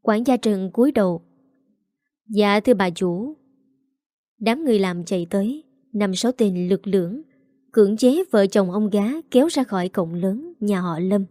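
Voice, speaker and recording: A woman tells a dramatic story at an even storytelling pace. Her voice is dark and mellow, recorded close and dry, with no room sound around it. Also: medium pitch, dry recording. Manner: steady storytelling. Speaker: narrator.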